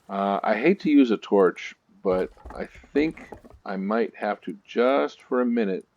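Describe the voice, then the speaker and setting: A man's voice: low-pitched, darkish tone, lo-fi sound. A man hosting a let's-play gaming video, telling stories in a chatty way with nervous asides.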